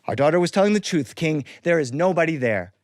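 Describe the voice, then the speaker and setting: A man's voice: a little high, expressive, fast talker, dry recording, studio quality, natural voice. A man voicing a commanding queen who gives orders to her daughter in a fairy tale.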